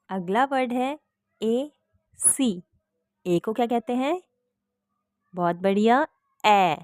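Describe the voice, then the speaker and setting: Slow patient teacher, woman. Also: mid-range voice, darkish tone, no room sound, studio quality. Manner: slow, patient, repeats sounds and prompts children to answer. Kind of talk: phonics lesson for children.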